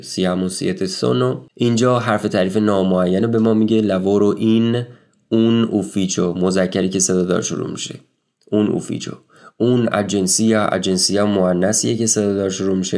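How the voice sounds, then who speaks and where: Guy with a lowish voice walking through a language lesson, translating word by word, chatty. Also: gravelly, darkish tone. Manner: explains step by step, translating each word; conversational, with rhetorical questions. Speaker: Italian language teacher. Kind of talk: casual video lesson.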